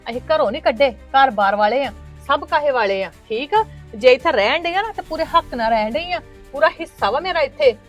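A woman with a Punjabi accent, acting an indignant mother arguing for her children in a scripted family drama. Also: sits high. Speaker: married daughter of the house in a family skit.

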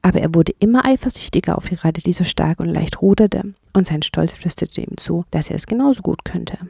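A woman calmly narrating a children's bedtime story. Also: lowish voice, a little fast, gravelly, slightly rough, dry recording, clean studio sound. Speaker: audiobook narrator.

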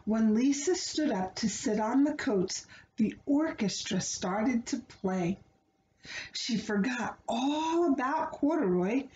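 A middle-aged woman with a high voice reads a children's storybook aloud in a small living room, phrasing everything expressively and deliberately for young listeners. The home recording is roomy and dull, with background noise.

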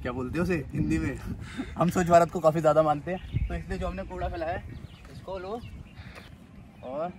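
Recording on the road around a car, a twenty-something Indian car vlogger talks casually amid plainly audible car and roadside noise. He speaks briskly in a steady, somewhat high voice, leaving long pauses.

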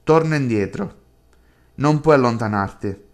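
A man's voice: mid-range voice, lively intonation, a little slow, darkish tone. A man reading the lines of a controlling, possessive unseen entity that coaxes and gives orders in a chat horror game. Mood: coaxing, commanding.

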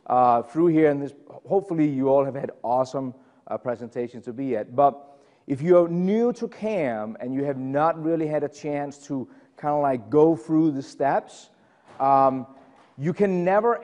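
This conference presenter, a middle-aged man from Denmark, speaks with a Danish accent and a fairly high, slightly mellow voice that trails off into a long reverb. He runs his technical session in a conference room in a loose, talkative style, full of fillers and jokes at his own expense.

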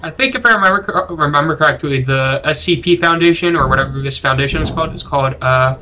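A man's voice: fairly high pitch, quick pace, noisy background. A man giving casual gameplay commentary as a gaming channel host, rambling and often correcting himself as he talks. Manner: rambling, self-correcting, chatty.

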